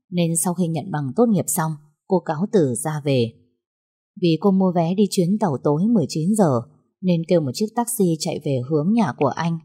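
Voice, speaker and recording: A woman narrating a story in a calm, measured reading voice. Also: deep voice, slightly rough.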